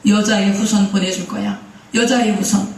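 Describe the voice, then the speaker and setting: A preacher voicing a patient God calling home. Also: female voice, mid-range voice, steady tone, normal speed, darkish tone, close to an everyday voice. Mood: coaxing. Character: patient fatherly God calling a lost child. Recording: echoey sanctuary heard from far off.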